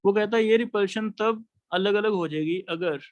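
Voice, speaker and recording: High-voiced male chemistry teacher. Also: normal speed, no echo. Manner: explains step by step, asks students questions. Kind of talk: classroom lecture.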